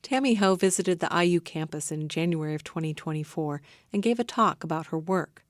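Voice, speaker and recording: A woman's voice: deep voice, expressive, fairly quick, no room sound, clean studio sound. A woman hosting a radio program, giving a scripted introduction to her guest. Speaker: radio host.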